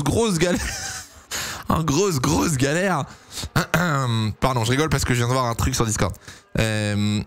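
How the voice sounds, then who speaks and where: A young man giving casual, excitable live commentary on a race for his stream, pleading and cheering as it unfolds. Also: on the high side, dry recording. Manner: excitable, pleading, swings to shouting at big moments.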